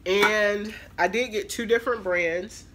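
This haul vlogger speaks in a mid-range, fairly bright voice with fairly even intonation and a measured pace. Stuffed up from allergies, she sounds nasal as she wanders through her casual shopping haul, leaning heavily on filler words.

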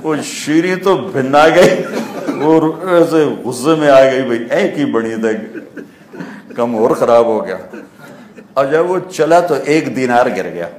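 Man preaching in an echoey hall. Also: mid-range voice. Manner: rises to loud animated peaks while telling stories. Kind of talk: sermon with storytelling. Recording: echoey hall with faint background noise.

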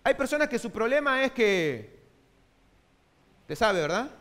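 Man, pastor, emphatic sermon, call-and-response, high voice, long church hall reverb. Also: sing-song, measured pace, fairly bright tone. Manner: call-and-response, has the congregation repeat phrases; emphatic preaching with rhetorical questions. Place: church sanctuary.

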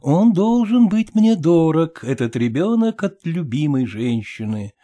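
A man narrating an audiobook in an expressive, theatrical reading style. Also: a little high, a little slow. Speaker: audiobook reader.

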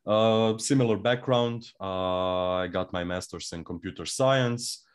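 A young man from Croatia with a very low voice opens an online technical workshop. He comes across as easygoing and a bit self-deprecating, with quick "uh"s between phrases. The sound is a webcam mic on a video call. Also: clean tone. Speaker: developer relations engineer presenting a workshop. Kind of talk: live online technical presentation.

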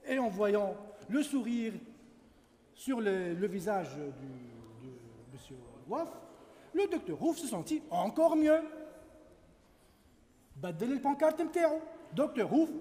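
Tunisian guy reading a kids story out loud, high voice, big hall echo. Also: takes it slowly, long pauses, a little hiss or hum. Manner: animated, mixes in asides. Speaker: speaker. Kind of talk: reading a children's story aloud. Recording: echoey hall, faint ambience.

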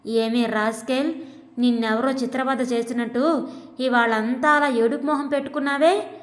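A woman's voice: high voice, fairly even intonation, normal speed, natural voice. A woman voicing a domineering, contemptuous husband who talks harshly and scolds his wife. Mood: bossy, scornful. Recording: long hall reverb.

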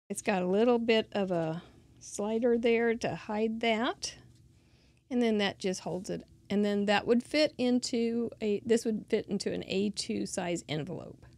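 A middle-aged woman chats her way through a crafting tutorial and pokes fun at her own slip-ups. Her voice sits a little high and carries a gravelly fry. The recording is dry and close, with no room sound. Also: darkish tone, dry recording. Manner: chatty, self-deprecating, laughs at herself. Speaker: craft show host.

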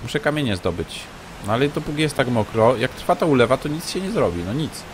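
A man's voice: medium pitch, big pitch swings, fast, slight background noise. A man giving casual gameplay commentary, grumbling and sarcastically muttering to himself. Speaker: let's play gamer.

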